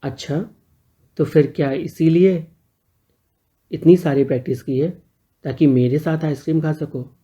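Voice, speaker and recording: A man voicing a gentle, joking neighbor who is a little older and talks calmly and reassuringly. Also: fairly high pitch, a little slow, long pauses, close to an everyday voice.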